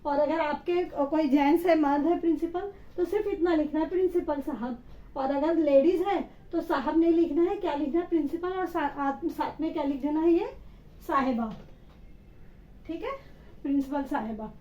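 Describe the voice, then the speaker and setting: A woman's voice: sits high, normal speed, warm tone, roomy sound, dull audio. A woman teaching an Urdu spelling lesson, patiently sounding out each letter and syllable.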